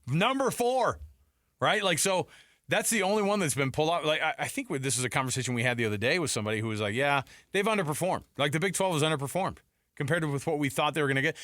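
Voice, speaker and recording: Speaking into a close studio mic in a radio studio, this man hosts a casual sports talk show with an emphatic, exclamatory, chatty style. His fairly high voice has a fairly bright tone, and the recording is dry.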